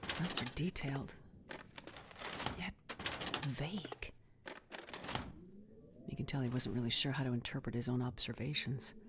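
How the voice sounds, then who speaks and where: An actress playing a thoughtful female investigator in a video game, musing slowly and hesitantly. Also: extremely low pitch. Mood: pensive. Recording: quiet voice under loud noise.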